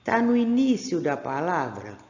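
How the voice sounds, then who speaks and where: A patient primary school teacher with a Brazilian accent records a remote lesson for first graders, her camera on a workbook, stretching out syllables and asking the class questions. Her fairly low female voice has big pitch swings, a measured pace and a slightly mellow tone. The sound is roomy, with the highs cut off.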